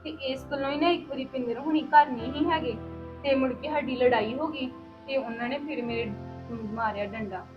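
A woman's voice: sits high, brisk, dull audio, over music, close to an everyday voice. A young woman playing a wife beaten by her in-laws, crying and pleading in a village family drama. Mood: tearful. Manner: pleading and tearful.

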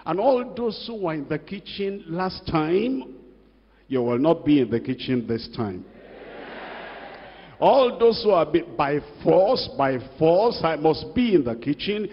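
An older pastor preaching a rebuking sermon at a pulpit with a handheld mic, putting direct questions to the congregation. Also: male voice, a little high, very animated, unhurried. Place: large church hall at a pulpit. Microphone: handheld microphone. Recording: dull reverberant hall sound.

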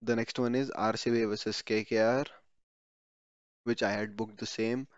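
A YouTube tutorial host talks over a screen recording in a conversational way, his lowish voice moving little in pitch at a moderate pace. He often repeats words and corrects himself mid-word. The home voice-over sounds dry and slightly dull.

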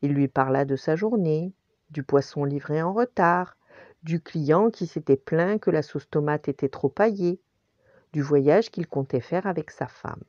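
An older woman, a grandmother, gently and expressively telling a bedtime story. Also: low voice, a little slow, no echo, lo-fi sound.

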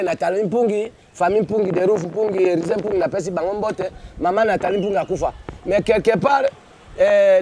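A man, a comedian being interviewed, talking in an exuberant, declamatory way. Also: high voice. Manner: exuberant, declamatory, mixes two languages. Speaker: comedian interviewed in his stage persona. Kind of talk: street interview, lively self-promotion. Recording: crowd noise behind.

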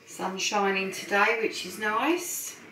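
A woman's voice: medium pitch, slow pace, bright, forceful tone, recorded from a distance, slight background noise. A middle-aged woman giving a casual, encouraging cooking demonstration in her home kitchen while she mixes batter. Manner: chatty, encouraging, talks while whisking. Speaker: support worker cooking host. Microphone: phone camera at a distance. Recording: echoey kitchen, voice from off-mic. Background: clinking bowls and utensils.

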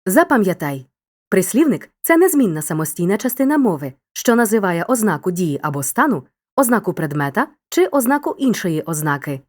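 A woman narrating a scripted school grammar lesson in a clear, upbeat, encouraging teacher's tone. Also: mid-range voice, sing-song, fairly quick.

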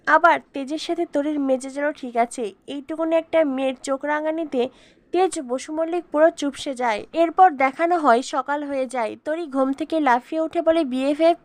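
A woman reading a scripted story recap in an even, steady way. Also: sits high, moderate pace, dry recording. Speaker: narrator.

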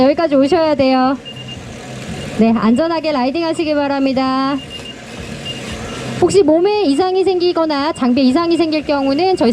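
A woman with a high-pitched, darkish voice makes live public announcements at the start line of an outdoor cycling race. She addresses riders in a courteous, customer-service manner and repeats the safety instructions encouragingly. The recording is noisy, with vehicles passing by.

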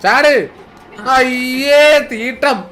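High-voiced excitable male gaming streamer. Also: very slow. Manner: excitable, bossy, barks instructions at his partner. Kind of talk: casual co-op game commentary. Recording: game music playing under the voice.

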